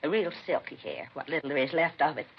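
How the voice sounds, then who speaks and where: Questioned by police, the rooming-house landlady in this 1950s radio crime drama is voiced by an actress who makes her gossipy, blunt, chatty and folksy. The delivery is fast and exaggerated, low-pitched with lively intonation and a slightly rough edge, heard through a muffled, hissy vintage recording.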